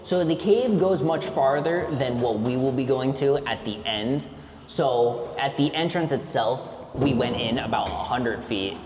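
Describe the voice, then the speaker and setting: Male cave guide, explanatory tour delivery, mid-pitched, heavily echoing cave acoustics with noise behind. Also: a little mellow. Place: inside a cave, on a tour boat. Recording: echoey cave, long reverb, background noise.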